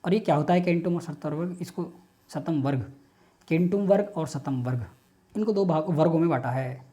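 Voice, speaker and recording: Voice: mid-range voice, normal speed, warm tone. A teacher giving an online class lecture, patiently repeating lists aloud in rhythmic drills and coaxing students to memorize them.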